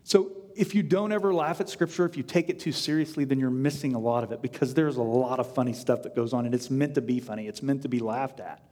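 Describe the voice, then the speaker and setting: A man preaching a sermon, telling the story with humor and lively storytelling, at times dropping to a hush. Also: mid-range voice, fast, hardly any pauses, in a large hall. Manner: animated, humorous storytelling with sudden hushed drops. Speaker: pastor.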